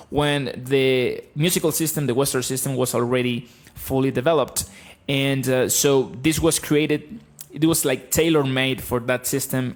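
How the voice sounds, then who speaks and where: In his thirties, a male guitar teacher with an Argentine Spanish accent gives a live-streamed lesson, explaining in a blunt, animated way with a mid-range voice. He's indoors in a small room with bookshelves, close to a studio mic on a stand.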